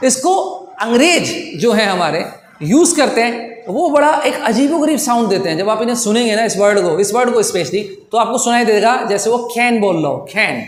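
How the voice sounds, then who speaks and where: A man's voice: sits high, expressive, moderate pace. A man with an Indian English accent giving a friendly online English lesson, repeating and spelling words out for his learners. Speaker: English teacher. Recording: echoey room with long reverb.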